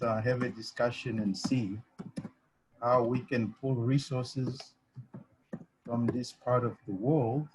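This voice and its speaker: A man's voice: medium pitch, a little mellow, a little hiss or hum, poor audio. A man from the Congo speaking in an online meeting, with many hesitant fillers. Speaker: meeting participant. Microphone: video call.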